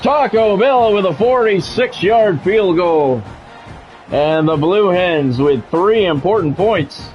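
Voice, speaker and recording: With a high-pitched, slow voice, he narrates a football video game live like an announcer, in clipped bursts that turn excited when a big play happens. He's a middle-aged or older man. Soft music plays behind him, and the sound quality is lo-fi.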